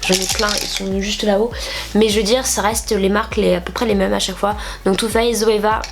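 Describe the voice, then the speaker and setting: A young French woman, a beauty vlogger with a cold, talks briskly through a makeup tutorial in a nasal, medium-pitched voice with fairly even intonation. Her stuffy nose shows as she chats and rambles, using lots of fillers, over soft background music.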